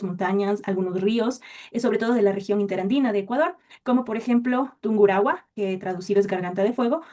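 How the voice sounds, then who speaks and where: A woman's voice: medium pitch, mellow. A woman giving a class presentation, explaining with frequent hesitation fillers. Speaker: student presenter.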